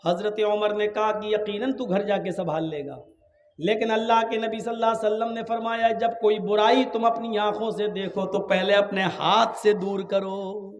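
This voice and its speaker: A man preaching a sermon swings from calm storytelling to shouted exhortation and acts out dialogue within his stories. His voice sits high, with a big-room sound.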